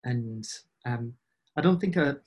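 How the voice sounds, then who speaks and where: A man's voice: mid-range voice, animated, slow pace, husky, muffled recording. A man in casual, reflective conversation as an interview guest, speaking hesitantly and often repeating phrases as he goes. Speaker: podcast guest, agile coach.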